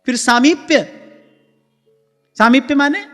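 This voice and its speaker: A man giving a devotional sermon, moving between quick explanation and slow recited verse. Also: very high voice, fairly bright tone. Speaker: spiritual preacher. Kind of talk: devotional discourse with chanted verses. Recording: reverberant hall with faint music.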